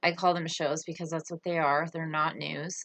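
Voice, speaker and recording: A woman's voice: low voice, flat delivery, normal speed, fairly bright tone, slight background noise. A woman hosting a casual political commentary show, reading quotes aloud with frequent fillers and getting indignant.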